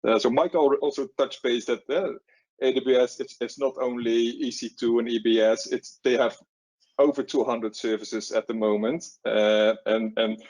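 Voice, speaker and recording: A man's voice: mid-range voice, steady tone, moderate pace, darkish tone, rough recording. A middle-aged man with a Dutch accent talking on a webinar panel, often repeating words and chuckling at himself. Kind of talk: conversational webinar panel talk.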